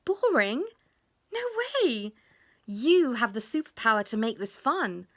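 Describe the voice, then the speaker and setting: A woman plays a gentle, reassuring mother from a children's storybook, explaining things simply in a soothing, encouraging way. Her voice is on the high side and sing-song, and she speaks slowly in a heavily acted style.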